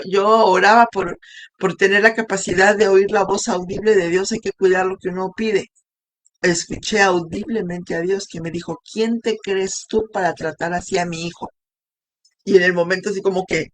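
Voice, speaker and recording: Middle-aged woman speaker, testimony sermon, chatty storytelling that checks in with the audience, mid-pitched voice. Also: fairly bright tone. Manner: conversational storytelling, asks audience questions. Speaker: women's ministry speaker.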